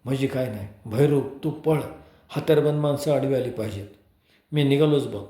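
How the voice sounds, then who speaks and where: A man's voice: mid-range voice, moderate pace, mellow, close to an everyday voice. A man reading a Marathi story aloud, voicing a fearless grown village fighter who gives commanding, urgent orders. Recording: echoey room.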